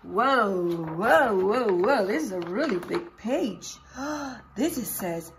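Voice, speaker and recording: A middle-aged woman teacher reads a picture book aloud in a small indoor room lined with posters and books. Her mid-range voice is animated and slow as she asks young children questions directly and reads with expression. A faint hiss or hum sits under the recording.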